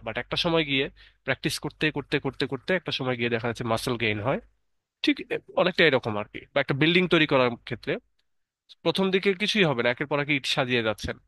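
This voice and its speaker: A man's voice: medium pitch, sharp tone, no room sound. A man giving a recorded grammar lecture, explaining in a conversational way with everyday examples. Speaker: English grammar teacher.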